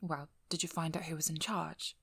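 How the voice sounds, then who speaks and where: Using a full character voice that is low and creaky yet fairly bright, a woman plays a devious, watchful vampire hunter in a scripted ASMR roleplay directed at the listener. She keeps a steady tone at a moderate pace, teasing, playful and coolly controlling in a cool, probing mood, as the character goes from flirty to businesslike. There's no echo.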